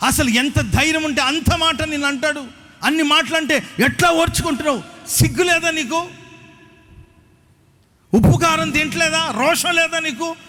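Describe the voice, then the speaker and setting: A furious older sister shrieks her rebukes in a high, strained voice, as a male preacher puts her on. Her scolding rings with the long reverb of a big hall. It sounds like someone yelling across the room. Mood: outraged. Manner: shrill indignant shouting, rapid rebukes.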